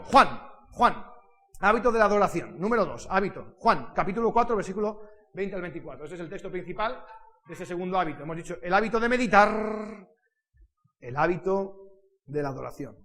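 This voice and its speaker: Fast-talking high-voiced Spanish preacher man. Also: in a large hall. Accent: Spain. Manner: animated storytelling with quick asides and laughter; asks the congregation if they follow. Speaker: pastor. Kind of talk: sermon. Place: church hall.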